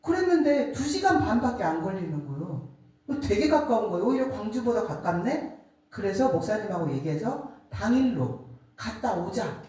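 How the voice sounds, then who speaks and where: Middle-aged woman, church testimony, animated storyteller, far mic, very roomy echo. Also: mid-range voice, normal speed. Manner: animated storytelling, acts out quoted voices. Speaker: church speaker giving a testimony. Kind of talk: sermon testimony. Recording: echoey room, distant mic.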